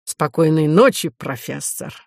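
A woman's voice: low-pitched, animated, unhurried, gravelly, dry recording, clean studio sound, heavily acted. A woman voicing a polite, self-assured young male swindler who talks with easy courtesy. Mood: smooth.

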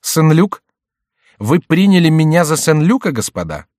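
A man's voice: on the high side, sing-song, normal speed, a little mellow, no echo, studio quality, voice pushed up. A man voicing a haughty young royal duke who speaks sternly and menacingly, in a raised voice.

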